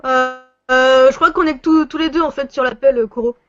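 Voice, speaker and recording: A high-pitched voice comes through dull, muffled call audio. The speaker answers hesitantly on a casual group voice call, often pausing mid-sentence. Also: steady tone, fairly bright tone. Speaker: staff member on the call.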